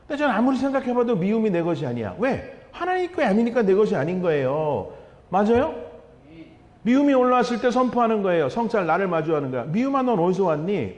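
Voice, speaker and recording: A man pastor preaching at a revival meeting, animated, asking the congregation questions and repeating key words. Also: sits high. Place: church sanctuary. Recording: dull sound with long hall reverb.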